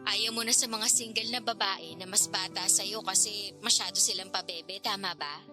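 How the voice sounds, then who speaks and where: In a radio drama, an actress voices a curious, teasing, frank older girlfriend figure, speaking in a playful, probing, casual manner. Her mid-range voice sounds natural, with fairly even intonation and a moderate pace, and music plays in the background.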